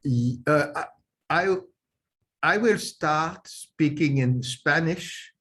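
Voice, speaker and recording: A man's voice: fairly high pitch, takes it slowly, fairly bright tone. A man chairing an online session, chatting hesitantly over a video call with many restarts. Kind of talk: casual video-call chat before a session.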